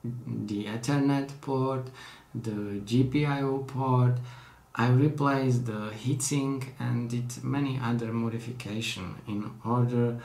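Sitting at his desk in a small home room, a young hobbyist vlogger from the Czech Republic demonstrates a tech project casually. He speaks careful English with a Czech accent in a medium-pitched voice, and the recording sounds roomy, with a little background noise.

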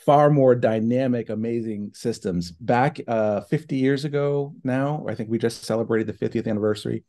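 A foundation president joins a casual online interview as a guest, speaking from a home office lined with bookshelves through his laptop on a video call. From New Hampshire and Ohio in the United States, he has a mellow, mid-range voice at normal speed and talks thoughtfully with many fillers and restarts.

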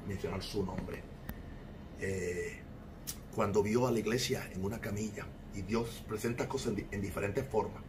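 A male host solemnly reflecting on a voice message he has just played to his listeners. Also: lowish voice. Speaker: host and preacher. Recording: distant mic with noisy background.

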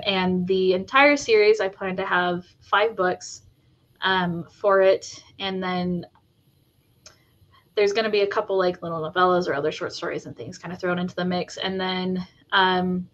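A woman's voice: lowish voice, fairly even intonation, moderate pace, dull audio. A woman fantasy author as a guest, talking casually and enthusiastically with many fillers. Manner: chatty, many ums and likes, enthusiastic. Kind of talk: casual interview chat.

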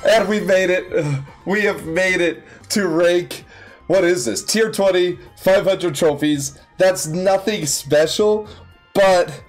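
A young man giving casual, excitable commentary while playing a video game, yelping and squealing at his wins. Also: high-pitched, takes it slowly. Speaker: gaming YouTuber. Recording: faint music behind.

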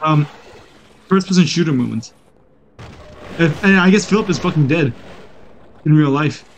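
Higher-voiced man trading crude jokes. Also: lively intonation, moderate pace, soft background music. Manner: crude teasing banter. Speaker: gamer. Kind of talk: casual gaming chat.

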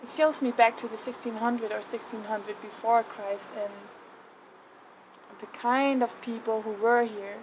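A woman in her thirties speaking softly and dreamily in a casual vlog, halting with fillers, recorded outdoors on a mountainside by a camera mic a few metres away. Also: a little high, fairly even intonation, low-quality recording. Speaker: vlogger. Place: outdoors in a rock cave on a mountainside. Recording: outdoor ambient noise.

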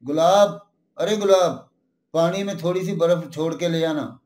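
A man voicing an irritable middle-aged film villain who scolds and shouts for a servant. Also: on the high side, moderate pace, roomy sound, natural voice. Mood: calling loudly.

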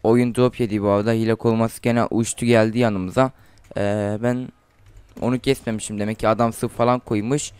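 A teenage boy from Turkey giving casual gameplay commentary, chatting to viewers and trash-talking opponents, getting loud and excited in fights, recorded on a desk mic at his computer. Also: lowish voice, a little fast, clean tone, dry recording. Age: teens. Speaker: gaming YouTuber.

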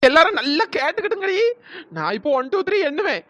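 A woman's voice: very animated, fast talker, a bit bright, dry recording. A woman voicing a bossy village girl in a cartoon, scolding and ordering the others around. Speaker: cartoon storyteller. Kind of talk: cartoon voice acting. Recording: dry close pitched-up voice.

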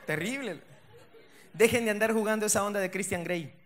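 A young man with a Salvadoran accent performing a stand-up comedy set, slangy and punchy, tossing loud asides to the crowd. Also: high-pitched, a little fast. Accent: Salvadoran Spanish. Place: comedy stage before a live audience.

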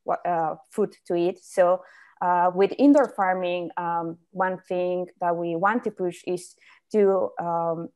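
A woman's voice: fairly low pitch, fairly even intonation, slow pace, a little mellow. A young woman presents slides over a video call. She keeps stopping on "uh" and restarting her phrases as she works through the talk. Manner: hesitant, many fillers and restarts. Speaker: invited speaker on indoor farming.

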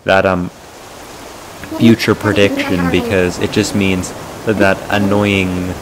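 A man giving casual game commentary, rambling and filling pauses with "um" while he talks to his viewers. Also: low voice, little pitch movement, over a noisy crowd. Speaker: gameplay vlogger. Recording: loud game music behind.

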